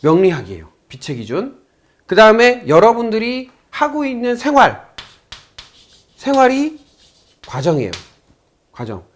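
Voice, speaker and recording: Male lecturer, high voice with a wide, animated pitch range, quizzes his class. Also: measured pace, long pauses. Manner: acts out both sides of a phone call, asks the class questions. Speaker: saju fortune-telling lecturer. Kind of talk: lecture with a story told to students.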